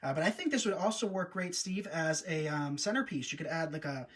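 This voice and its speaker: During his live wreath-making stream, the host keeps up a brisk, upbeat patter with viewers as he works. He is a wreath designer, and his voice is fairly high and a bit bright.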